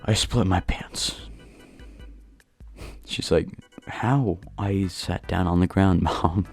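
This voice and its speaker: A young man telling a casual storytime, keeping his voice down in a dark room at night. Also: sits low, takes it slowly, vocal fry, faint music behind. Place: dark bedroom at home. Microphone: new home mic.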